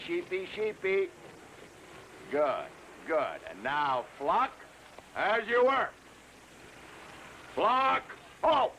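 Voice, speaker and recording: A loud, high-voiced army drill sergeant. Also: male voice, a little hiss or hum, heavily acted, rough recording. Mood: mocking. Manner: barks clipped commands. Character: bossy male army drill sergeant, shouting. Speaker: drill instructor.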